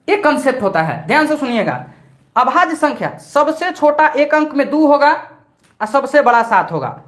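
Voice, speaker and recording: A man's voice: very high voice, a bit bright. A middle-aged man with a Bhojpuri-tinged Hindi accent, teaching a live online maths exam-prep class in a chatty way, repeating each point and scolding his students by turns.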